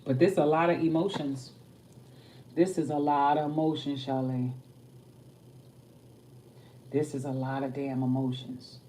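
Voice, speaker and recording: A woman's voice: deep voice, unhurried, pauses often. A young adult woman giving a tarot reading and chatting about her night in a casual, streetwise way. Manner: chatty, streetwise, animated when telling stories. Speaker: tarot reader. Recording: voice a bit far from the mic, faint background noise.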